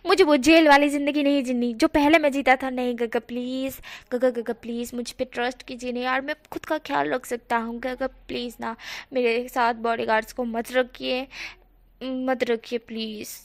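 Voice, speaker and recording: A woman's voice: sits high, steady tone, fast talker, hardly any pauses, no room sound, natural voice. A woman voicing a playful, stubborn young man in a read-aloud story, with a whiny, protesting manner. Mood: pleading. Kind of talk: storybook reading.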